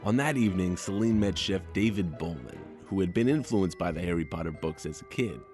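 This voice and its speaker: A man's voice: sits low, animated, brisk, over music. A man hosting a podcast, reading scripted narration in a wry, conversational way. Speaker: podcast host.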